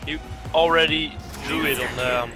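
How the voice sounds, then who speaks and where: A man's voice: on the high side, steady tone, normal speed, pushed and bright. A man with a Dutch accent in casual gaming voice chat, explaining the next steps to his teammates over a headset. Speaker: gamer. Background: game music.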